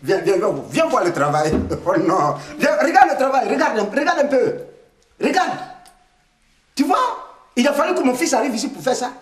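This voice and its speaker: Man playing a proud dad, lively pitch, echoey room, comedy sketch. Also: moderate pace. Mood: pleased. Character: pleased father of the house, boastful.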